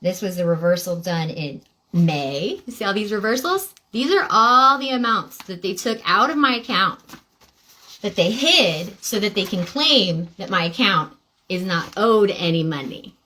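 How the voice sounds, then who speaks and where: A woman's voice: mid-range voice, lively intonation, a little slow. A woman hosting a podcast, delivering a sarcastic, indignant monologue straight to her viewers. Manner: sarcastic, indignant, addresses "ladies and gentlemen". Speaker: podcast host.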